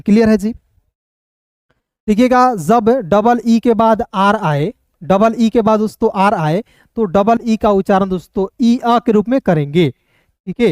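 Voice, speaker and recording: A man teaching an online lesson as an English teacher, spelling out words slowly sound by sound and often checking that students follow. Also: sits high, a little mellow, no echo. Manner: slow syllable-by-syllable pronunciation drills, keeps asking "clear?".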